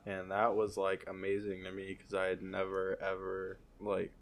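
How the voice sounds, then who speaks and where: Young man, very low voice, gravelly, casual podcast chat, hesitant. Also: normal speed. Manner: relaxed and hesitant, many fillers. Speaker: podcast co-host.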